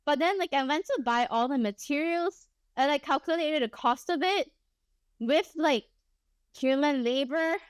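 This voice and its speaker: A woman's voice: high voice, a little slow, dry recording. A young woman from Singapore with a Singaporean accent, chatting casually and animatedly while streaming a game. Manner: animated and chatty, frequent laughs and exclamations. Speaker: VTuber streamer. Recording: dry close mic, soft music behind.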